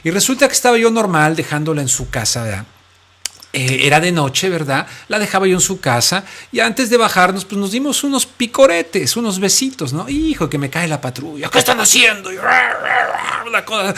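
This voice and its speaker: Gravelly-voiced Mexican man hosting a talk show, chatty and joking. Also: high-pitched, lively intonation, moderate pace, pushed and bright. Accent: Mexican Spanish. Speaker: host. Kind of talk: casual talk show chat. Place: studio.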